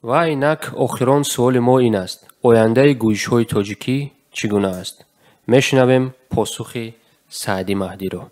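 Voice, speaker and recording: A man hosting a radio programme, introducing questions and guests in a measured, formal announcing style. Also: medium pitch, darkish tone. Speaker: radio host.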